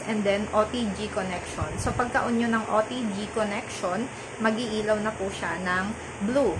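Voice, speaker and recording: A woman's voice: mid-range voice, noisy background. A woman vlogger chatting politely through a casual product review, mixing in English words and explaining each step of a microphone setup. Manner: polite and chatty, sprinkling Taglish and respectful particles; repeats test phrases while comparing mic on and off.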